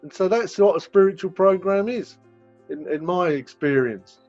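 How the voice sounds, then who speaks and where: A man's voice: sits high, normal speed, a little mellow, faint music behind. A man with an English accent answering questions as a rehab director on a video call, explaining at length and repeating words as he goes. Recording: dull lo-fi video call audio.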